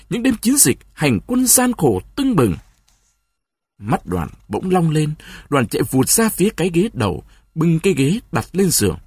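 A man narrating a story in an expressive, dramatic reading. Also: a little high, slightly rough, dry recording, clean studio sound.

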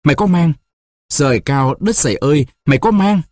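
A man reading a story, voicing a hasty middle-aged village mother who fires off shrill questions. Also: lively intonation, normal speed, darkish tone, no echo, clean studio sound, close to an everyday voice. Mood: alarmed.

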